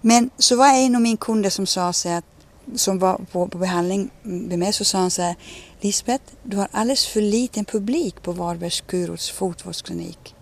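A woman in her fifties recounts episodes from her own life in an easy conversational way. She slips into the voices of the people she quotes and keeps her telling animated. Her voice sits at an ordinary middle pitch for a woman. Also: vocal fry. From Ostrobothnia, Finland. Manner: animated, acts out quoted dialogue. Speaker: interviewee. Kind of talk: personal storytelling in a radio conversation.

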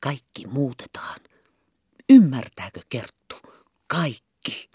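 Woman voicing a hushed conspiring captain. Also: extremely low pitch, animated, no echo, studio quality. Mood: whispered secretive. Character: secretive revolutionary male army captain.

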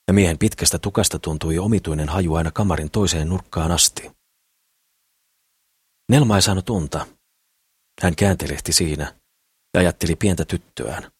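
A man narrates an audiobook in a calm, steady storytelling voice. His tone sits very low with a husky grain. The recording is close and dry, with no room sound. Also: no echo. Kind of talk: scripted narration.

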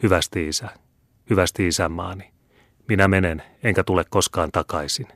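A man's voice: low-pitched, a bit bright, no room sound, clean studio sound. A man reading as an earnest young nobleman. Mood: pleading. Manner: earnest, pleading. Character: young nobleman, proud and pleading.

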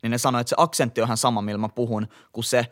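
A young man from Helsinki, speaking in an easy middle register. He co-hosts a casual podcast chat, full of slang and fillers, and tells his stories with lively energy. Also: medium pitch. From Finland. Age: young adult. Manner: slangy, animated storytelling with laughs and many fillers. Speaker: podcast co-host.

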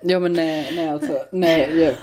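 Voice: mid-range voice, steady tone, darkish tone. A podcast co-host with a Finland Swedish accent, chatting casually in a wry, joking way. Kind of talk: casual chat.

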